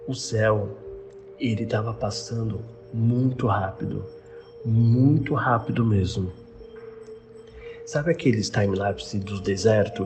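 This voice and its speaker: A young man with a Brazilian Portuguese accent recounting a personal experience in casual first person, retelling conversations with halting restarts. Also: fairly low pitch. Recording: noisy background ambience.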